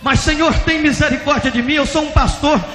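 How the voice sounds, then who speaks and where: A Brazilian preacher acting out a desperate pastor who cries and pleads aloud for forgiveness. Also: male voice, sits high, fairly even intonation, moderate pace. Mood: pleading. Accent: Brazilian Portuguese. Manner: crying, pleading, shouting out. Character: proud male pastor, desperate, begging forgiveness. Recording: echoey hall with long reverb.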